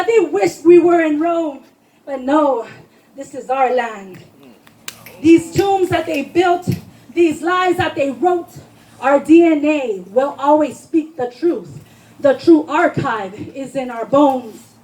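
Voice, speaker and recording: At a live poetry reading before a responsive audience, a woman poet declaims her lines in an impassioned, emphatic spoken word performance. Her voice is high-pitched with a darkish tone, she speaks at a slow pace, and the recording is rough.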